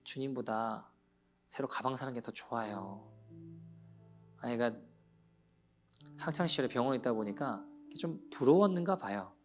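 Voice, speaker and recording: A pastor giving a Sunday sermon in a church, telling a story with feeling and dropping to soft near-whispers. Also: male voice, mid-range voice, moderate pace, long pauses, soft background music. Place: church sanctuary.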